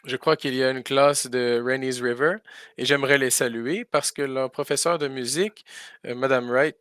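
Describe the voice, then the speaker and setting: A man's voice: mid-range voice, steady tone, normal speed, a bit bright, clean tone, no echo, clean studio sound. A man doing live spoken interpretation for a school farm tour, hesitating often with fillers and restarts.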